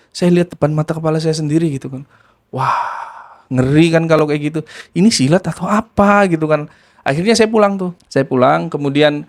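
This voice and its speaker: A man recounts a frightening story in a casual, lively way. He slips into the other people's voices and makes the sound effects himself. His voice sits a bit high for a man.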